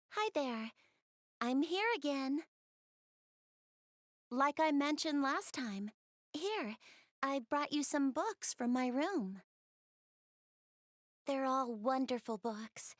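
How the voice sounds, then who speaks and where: In video game cutscene dialogue, a shy, bookish young girl speaks straight to the listener in a clearly high voice, gentle, earnest, and a touch hesitant, sounding happy and content. The recording is dry, with no room echo.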